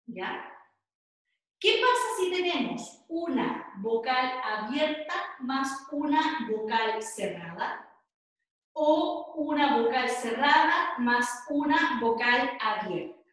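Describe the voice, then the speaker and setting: A woman's voice: high voice, expressive, takes it slowly, a bit bright. A woman with a Chilean Spanish accent teaching an online class, explaining patiently and often checking in with her students. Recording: very echoey room.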